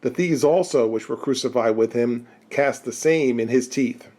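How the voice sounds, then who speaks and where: A man's voice: mid-range voice, normal speed. Man reading scripture aloud. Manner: steady, formal reading. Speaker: scripture reader.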